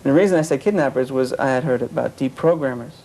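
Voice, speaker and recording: A man's voice: mid-range voice, fast, a little mellow, slight background noise, rough recording. Man recounting his past in earnest. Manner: earnest storytelling, quoting others. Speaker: interviewee. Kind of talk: personal account of cult experience.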